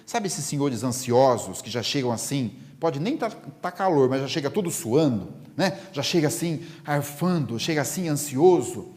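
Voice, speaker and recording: A man giving a spiritist lecture, telling anecdotes in an animated way and acting out the dialogue. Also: mid-range voice, normal speed, hardly any pauses, in a large hall. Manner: animated storytelling that acts out the dialogue. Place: lecture hall.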